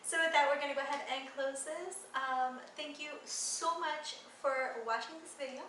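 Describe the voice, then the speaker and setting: High, bright woman chatting in echoey room. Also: fairly even intonation, moderate pace, a little hiss or hum. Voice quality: laughs often while talking. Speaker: co-host. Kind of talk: casual chat. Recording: echoey room, far from mic.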